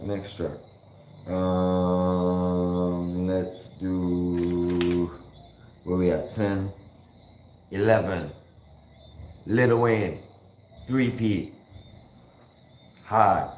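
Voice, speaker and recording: A man's voice: deep voice, a little mellow. A man hosting a hip hop call-in show, chatting casually and slangily as he counts down songs. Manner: laid-back, slangy, counts down songs and breaks into rapping. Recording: echoey room with faint background noise.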